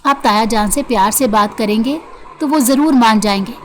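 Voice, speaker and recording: A woman voicing a timid young female student who speaks softly and nervously. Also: fairly high pitch, moderate pace, slight background noise, natural voice. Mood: pleading. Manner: nervous, soft-spoken.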